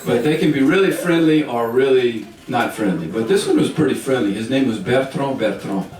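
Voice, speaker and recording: A man's voice: medium pitch, expressive, normal speed, crowd noise. Rambling storyteller man. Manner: rambling, chuckling asides. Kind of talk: live storytelling. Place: music store. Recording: roomy store from a distance.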